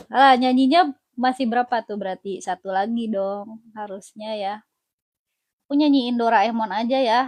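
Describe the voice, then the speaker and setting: A woman's voice: on the high side, takes it slowly, long pauses, a little mellow, dry recording. A young woman with an Indonesian accent, teaching Japanese syllables on a casual live stream, playful and laughing between lines. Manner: playful, laughs often, chats with viewers.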